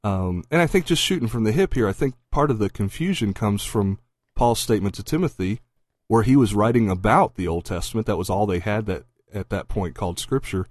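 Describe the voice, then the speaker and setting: Laid-back low-voiced man, mild Southern twang. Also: lively intonation, brisk. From Pennsylvania. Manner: laughs often, thinks aloud with ums. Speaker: podcast co-host. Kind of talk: casual chat.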